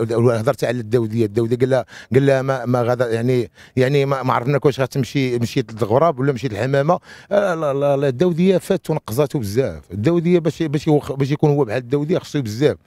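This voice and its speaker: A Moroccan-accented man fires off his words at a breakneck clip, blunt and heated as he waves off a rival. His voice is dark and mellow, and it comes across dry and close with no room sound. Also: mid-range voice, no room sound. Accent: Moroccan Arabic. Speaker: interviewed singer. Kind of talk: street interview.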